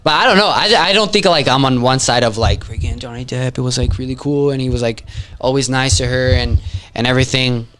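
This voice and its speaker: A man's voice: mid-range voice, a little fast, a bit bright, clear, resonant tone. A young man co-hosting a podcast, chatting casually, loose and joking, laughing often. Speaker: podcast co-host. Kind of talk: casual chat.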